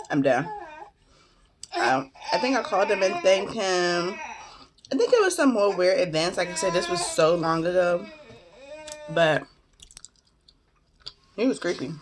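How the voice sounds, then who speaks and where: With a low voice and a mouthful of food, a woman vlogger shares personal stories in a casual storytime mukbang. Her storytelling is informal and slangy, and she acts out the dialogue she quotes.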